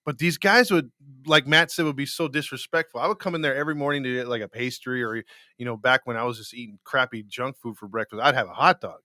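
A man's voice: mid-range voice, fast talker, bright, forceful tone, dry recording. A man co-hosting a live podcast, chatting casually, laughing often and telling stories. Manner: laughs often, tells stories with mimicked voices. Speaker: podcast co-host. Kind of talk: casual chat, putting on comic voices.

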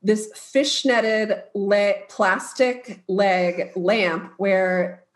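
A young woman co-hosts a podcast in easy, casual chat. She jokes a lot and pokes fun at herself. Her pitch sits in an ordinary middle range. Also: steady tone, extremely slow. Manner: chatty, jokey, self-deprecating. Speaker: podcast co-host.

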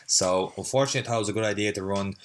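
A man with a very low voice hosts his fitness podcast while fighting a cold, slightly sniffly. He talks in a loose, rambling, self-deprecating way. His mic sits a little further off than usual. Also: rapid-fire. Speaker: fitness coach and podcast host. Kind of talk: casual solo podcast talk. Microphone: mic set a little further away than usual.

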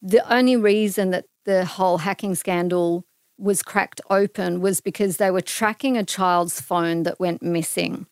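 A woman's voice: on the low side, measured pace, clear, resonant tone, no echo. A middle-aged Australian woman, a guest in a casual interview, telling a personal story earnestly and animatedly. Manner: earnest, animated retelling with acted-out quotes.

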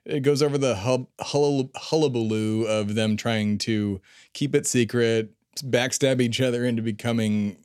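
A man's voice: medium pitch, steady tone, normal speed, darkish tone, smooth, dry recording, studio quality. A man co-hosting a podcast in casual, joking talk that rambles and breaks into laughs. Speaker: podcast co-host.

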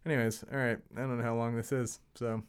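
A man's voice: medium pitch, level tone, fast, clean tone. A man hosting his own podcast, giving a casual, rambling solo update with self-mocking asides. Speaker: podcast host.

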